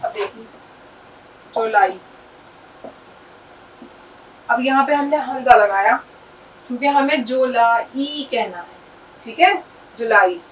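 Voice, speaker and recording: Woman, teacher, patient classroom explanation, letter-by-letter spelling, high voice, distant mic. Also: pauses often. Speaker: Urdu teacher. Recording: distant mic with faint background noise.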